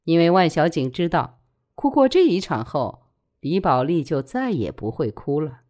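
A woman's voice: deep voice, normal speed. A woman reading a novel aloud, voicing every character herself. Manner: expressive reader voicing all roles. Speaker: storyteller.

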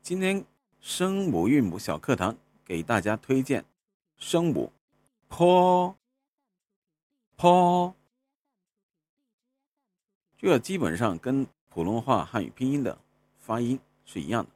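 A man's voice: mid-range voice, sing-song, no room sound. A man teaching pronunciation in a recorded lesson, repeating single syllables and sliding them up and down to show each tone. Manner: slowly sounds out and repeats syllables, sliding up and down through tones. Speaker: Cantonese language teacher.

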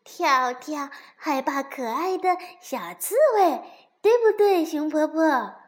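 A woman voicing a timid young male rabbit who talks in a shrill, panicky, whiny way. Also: animated, drawn-out words, heavily acted. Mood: tattling.

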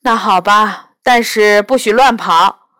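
A woman reading a storybook aloud, voicing a caring mother who scolds gently. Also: mid-range voice, slow pace, dry recording. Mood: gentle.

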